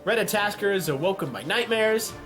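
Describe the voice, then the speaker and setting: A man giving casual, jokey commentary on a game simulation, often yelling at events and laughing. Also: high-pitched, animated, normal speed, faint music behind. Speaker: YouTube gaming commentator.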